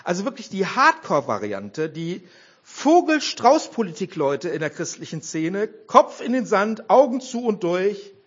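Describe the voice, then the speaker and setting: An older man preaching a sermon, animated and throwing rhetorical questions at the congregation. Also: sits high, a little slow, slightly rough. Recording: dull lo-fi sound.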